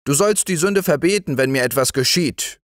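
A man voicing a defiant, scolding farmer's wife with a shrill, quick delivery. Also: a bit bright, no room sound, studio quality, close to an everyday voice.

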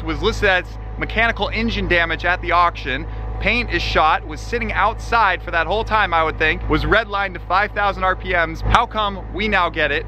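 A young man in his twenties talking straight to camera in a casual vlog, excitable and jumping between worry and delight. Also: a little high, a little hiss or hum. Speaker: car flipping vlogger. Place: outdoor parking lot and inside a small sports car. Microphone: handheld camera at arm's length.

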